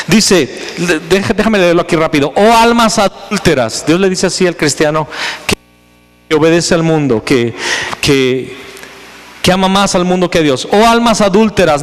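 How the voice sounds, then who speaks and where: High-voiced pastor preaching in a hall. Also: male voice, smooth. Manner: preaching with rising, emphatic intensity. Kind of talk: sermon. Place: church sanctuary.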